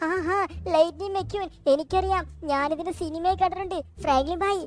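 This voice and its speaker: Game വീഡിയോയിലെ, കുസൃതിക്കാരനായ, ആവേശക്കാരനായ ഒരു കൊച്ചുപയ്യൻ, ഒരു സ്ത്രീ ചെയ്യുന്നത്, വളരെ ഉയർന്ന ശബ്ദത്തിൽ, അതിവേഗത്തിൽ സംസാരിക്കുന്നു. പിന്നിൽ നേരിയ സംഗീതം. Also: female voice, very high voice. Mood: cheeky. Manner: rapid, chirpy. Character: cheeky excited little boy, eager fan.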